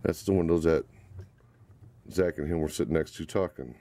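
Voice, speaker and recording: A man's voice: very deep voice, moderate pace, dark tone, no echo. A middle-aged man with a Northwest Indiana accent giving a chatty, rambling walking tour to a handheld camera. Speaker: vlog host. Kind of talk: casual walking tour vlog. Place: outdoors and inside a church building. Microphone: handheld camera at arm's length. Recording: noisy outdoor camera audio.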